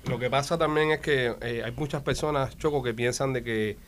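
A man interviewing a guest in casual conversation, firing quick follow-up questions. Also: mid-range voice, a little hiss or hum.

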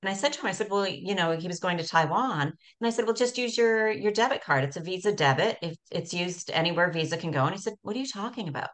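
A middle-aged woman from Canada, hosting a podcast, chatty and animated with frequent restarts. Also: lowish voice, fast talker, few pauses. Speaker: podcast host. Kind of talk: casual interview.

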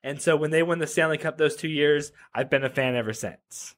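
A man in his thirties chatting as a podcast guest over a video call. His voice sits a touch high, and he rambles in a loose, easygoing way, peppering his talk with "like" and "right?". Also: brisk. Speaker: podcast guest, web developer. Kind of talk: casual interview chat.

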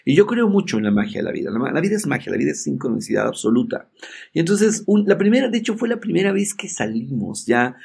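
A middle-aged man, a podcast guest telling a story in a lively way and acting out the voices in it. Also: fairly high pitch, quick pace, creaky, husky. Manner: animated storyteller, acts out quoted dialogue. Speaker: podcast guest, entrepreneur and speaker. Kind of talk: casual storytelling chat.

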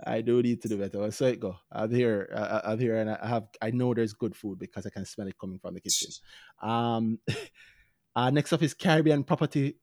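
A Jamaican man co-hosting a podcast chats informally about finance, reviewing stocks in a hesitant way and repeating himself. His voice is fairly low and a little mellow, at a moderate pace. The talk is casual and unscripted, and the recording is dry with clean studio sound.

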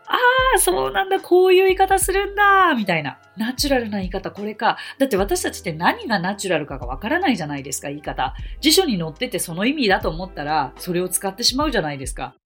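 A woman hosting a podcast on learning English, explaining in an earnest way with bursts of excitement. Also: medium pitch, fast talker, few pauses, breathy edge, soft background music. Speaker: English conversation teacher and podcast host. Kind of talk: podcast talk.

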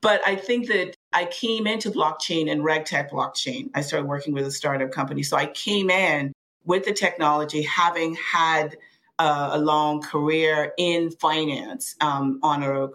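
A woman from the Bahamas speaking as a panel guest, earnest and measured, often restarting her sentences. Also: sits low, steady tone, fairly bright tone, rough recording. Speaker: panel guest, finance and blockchain official. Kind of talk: reflective panel answer.

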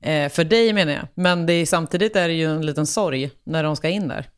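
A woman's voice: deep voice, smooth. A woman co-hosting a casual podcast chat who asks curious follow-up questions. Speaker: podcast co-host.

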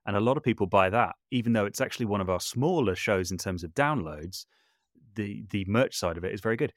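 Appearing as a podcast guest, an audio drama creator and voice artist explains things informally in a relaxed interview chat. He talks fast in a lowish voice, captured in a dry, studio-quality recording.

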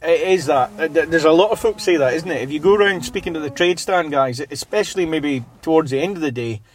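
Fairly high-voiced male podcast host. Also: quick pace. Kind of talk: casual podcast discussion.

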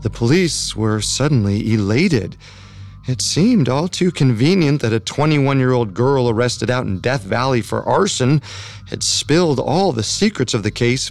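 A man narrating a true crime podcast in a measured, dramatic scripted style. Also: medium pitch, expressive, gravelly, faint music behind.

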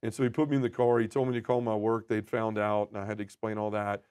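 A man telling his personal testimony as a podcast guest, earnest and emotional, often dropping to a soft, quiet voice. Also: lowish voice, flat delivery, fast talker, clean tone.

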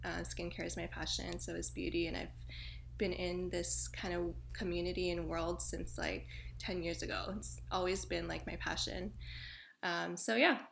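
A woman's voice: on the low side, flat delivery, moderate pace, vocal fry, fairly bright tone, slight background noise. A woman in her twenties from Hawaii, a podcast guest chatting casually and laughing often, with plenty of fillers. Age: 20s. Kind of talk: casual chat.

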